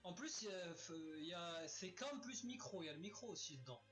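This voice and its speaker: A man giving excited gameplay commentary as a let's player, exclaiming and swearing at enemies, recorded on a webcam's built-in microphone. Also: sits high, fairly quick, soft background music. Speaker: let's play gamer.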